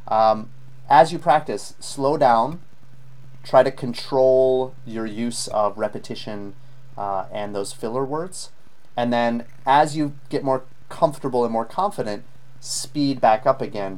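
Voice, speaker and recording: A man teaching a live online IELTS lesson, patiently giving spoken feedback with frequent ums. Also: mid-range voice.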